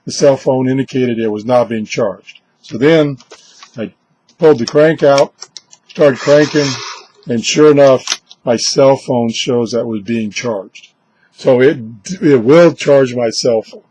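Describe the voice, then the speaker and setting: A man with a medium-pitched, warm, husky voice speaks slowly over poor audio. He presents a gadget in a casual, unscripted product review, musing aloud conversationally and dropping wry asides.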